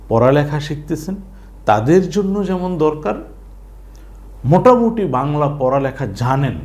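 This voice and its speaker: A man teaching a language lesson online, repeating sounds slowly and asking his students questions as he goes. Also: on the high side, a little mellow.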